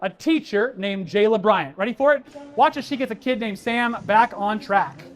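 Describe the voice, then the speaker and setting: A man's voice: sits high, normal speed, faint music behind. Emphatic man giving a conference talk. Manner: punchy, conversational, addresses the audience as folks. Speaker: conference keynote speaker. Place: conference stage before an audience.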